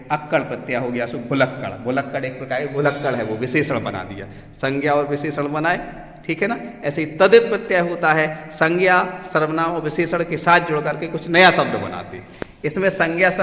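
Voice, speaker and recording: A man's voice: medium pitch, fairly bright tone. A man teaching a Hindi grammar lesson, listing example words one by one and asking questions that he answers himself. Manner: asks the class questions and answers them himself; often checks in with "theek hai na". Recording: echoey room with long reverb.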